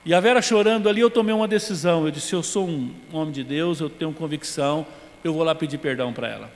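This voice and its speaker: A Brazilian man preaching a sermon who tells personal stories and acts out the dialogue in them, moving between loud emphatic lines and hushed ones. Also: a little high, fast. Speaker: pastor. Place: church. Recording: long church reverb.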